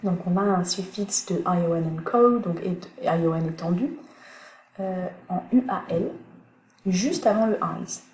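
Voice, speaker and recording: A woman teaching English pronunciation in a recorded online lesson, thinking aloud with many pauses as she searches for words. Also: fairly low pitch, expressive, a little mellow. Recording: echoey room, faint background noise.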